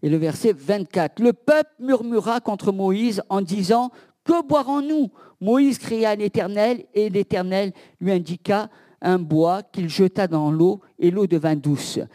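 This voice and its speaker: A man preaching a sermon, halting with many fillers and repeated words, and asking the listeners direct questions. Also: high-pitched, mellow. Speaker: pastor.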